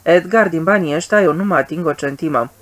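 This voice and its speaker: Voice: mid-range voice, a bit bright, no echo, close to an everyday voice. A reader voicing a stern questioning wife. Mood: firm. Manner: insistent, demanding answers. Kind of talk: audiobook reading.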